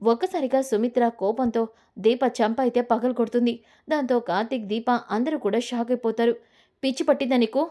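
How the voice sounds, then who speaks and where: Woman narrator, slightly high, mellow voice, dramatic story recap with acted character lines. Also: fairly even intonation, a little fast. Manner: voices every character's lines herself, raising her voice for shouts.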